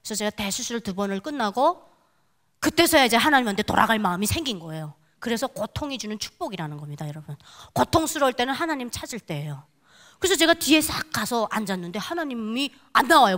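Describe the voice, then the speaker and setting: A woman's voice: on the high side, sing-song, quick pace, a bit bright. A young woman from Korea, giving a dramatic, vivid testimony at a prayer meeting and speaking straight to the audience. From North Korea. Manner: vivid, dramatic storytelling that addresses the audience directly. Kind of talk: testimony sermon.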